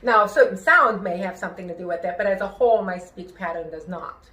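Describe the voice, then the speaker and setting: A woman's voice: medium pitch, fairly quick. A woman with hearing-impaired speech whose r sounds drift toward w, speaking expressively and with careful pronunciation in a personal, conversational talk. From New York, United States. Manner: careful pronunciation with worked-on inflection; expressive, emphatic. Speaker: singer and show host. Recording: echoey room.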